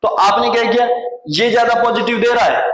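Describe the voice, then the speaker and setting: Guy teaching chemistry, fairly high voice, keeps asking and answering his own questions, echoey classroom. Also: a little fast, fairly bright tone, highs cut off. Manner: asks the class questions and answers them himself, repeating key terms. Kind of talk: classroom lecture.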